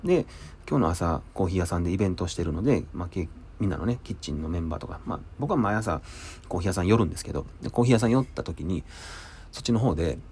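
Low, hushed Kansai man in his forties. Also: lively intonation, rapid-fire, slight background noise. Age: 40s. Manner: chatty, punctuated with small chuckles. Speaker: podcast host, shared-kitchen entrepreneur. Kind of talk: casual monologue update. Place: indoors in a kitchen.

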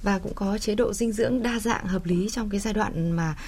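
Slightly husky, soft-toned female radio host. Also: mid-range voice, moderate pace. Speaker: radio health show host. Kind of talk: polite broadcast interviewing and sign-off.

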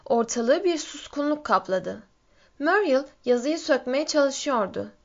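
Woman reading a story aloud, lo-fi. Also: measured pace. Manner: steady storytelling, lifts pitch for shouted quotes. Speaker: audiobook reader. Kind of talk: scripted narration. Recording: dull lo-fi recording.

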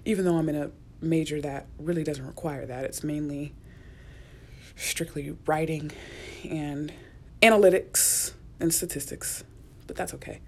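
A young woman hosting her own podcast, chatting in a soft, rambling way with many fillers and restarts, sometimes dropping to a whisper. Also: low-pitched, steady tone, measured pace. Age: young adult. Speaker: podcast host. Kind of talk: casual solo podcast rambling. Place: small enclosed room at work.

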